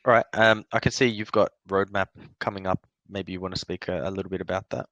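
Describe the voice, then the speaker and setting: Deep-voiced casual man hosting an AMA. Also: steady tone, a bit bright, dry recording, highs cut off. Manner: casual, agreeable, quick affirmations. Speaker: interview host.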